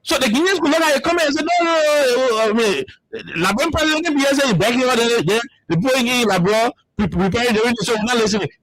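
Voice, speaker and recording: A man's voice: very high voice, expressive, fast talker, hardly any pauses, fairly bright tone, poor audio. A man with a Liberian English accent, hosting a heated political panel talk and repeating words as he presses his points. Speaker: talk show host.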